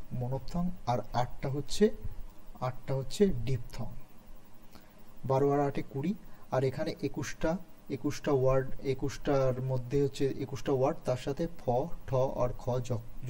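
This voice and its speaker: A man's voice: mid-range voice, dark tone. A Bengali-speaking man with a Bengali accent, teaching a beginners' English lesson, patient and repeating points while quizzing his students. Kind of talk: online lesson explaining grammar.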